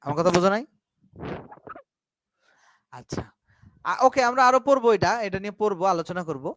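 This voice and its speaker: A high-voiced man with a Bangladeshi Bengali accent lectures on English grammar in an online class. He explains slowly, sprinkles English terms through his talk and keeps asking if the students understand. The sound is dry and close, with no room echo. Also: animated, a bit bright. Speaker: English teacher.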